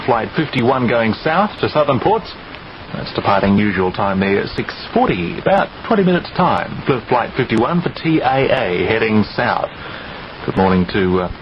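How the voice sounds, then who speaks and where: A man's voice: mid-range voice, background noise. A man announcing on early morning radio, chatty as he reads out the time and departing flights, heard through a tinny clock radio. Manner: chatty, reading out times and flights. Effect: tinny sound, as heard through a clock radio.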